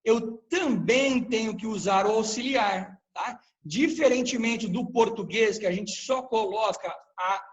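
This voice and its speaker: Man, English teacher, live online lesson, high voice, slow deliberate pace, asks the class questions. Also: low-quality recording. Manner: explains patiently, quizzes the class with questions.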